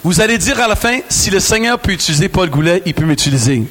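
Québécois male preacher, high voice, bantering with a big crowd. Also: fast talker. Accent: Québécois French. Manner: animated, joking with the crowd. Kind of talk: lively sermon. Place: large hall with a crowd.

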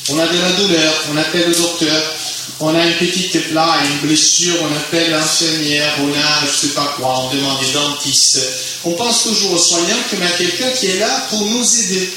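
A man's voice: on the high side, normal speed. A man from Italy speaking French with an Italian accent, giving a chatty, self-mocking talk to a youth group. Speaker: physician guest speaker. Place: large tent at a youth camp. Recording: echoey tent with clear background noise.

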